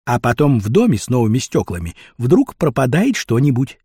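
Lively, husky male storyteller. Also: medium pitch, moderate pace, no room sound, studio quality. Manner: lively, expressive reading. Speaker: audiobook reader. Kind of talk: scripted storybook narration.

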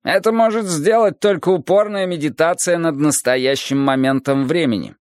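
A man voicing a calm, gently sorrowful philosophical teacher in an audiobook, with slow, measured, lecturing speech. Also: on the high side, no echo, studio quality, pitched above the performer's own voice, close to an everyday voice. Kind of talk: audiobook character reading.

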